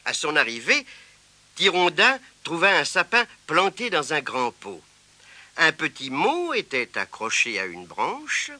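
Storybook narrator, male, high bright voice, lively pitch, unhurried. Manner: expressive, slow and lilting.

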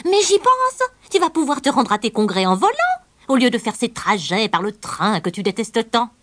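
A woman voicing the professor's excited, bubbly wife in a children's storybook reading. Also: on the high side, moderate pace, pitched below the performer's own voice. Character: lively amazed wife of the professor.

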